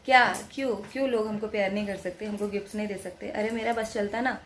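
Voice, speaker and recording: A woman's voice: medium pitch, fairly even intonation, quick pace, a bit bright, a little hiss or hum. A young woman vlogging from home, chatty and emphatic, repeating her points. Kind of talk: casual to-camera vlog talk.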